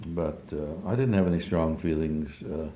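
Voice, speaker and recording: Recorded in an echoey, spacious room, an aging man with a very low, mellow voice reminisces for an oral history project. He talks haltingly, with plenty of hesitant fillers between his words.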